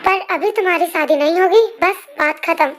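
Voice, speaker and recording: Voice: very high-pitched, moderate pace, a bit bright. A performer voicing a strict, worried mother who scolds sharply, in an amateur fan dub voice-over. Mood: scolding.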